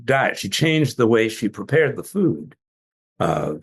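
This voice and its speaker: An older male physician telling stories in a relaxed interview, laughing often as he talks. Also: fairly low pitch, takes it slowly, husky. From Jamaican family, trained in Atlanta. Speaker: physician guest. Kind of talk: casual interview talk.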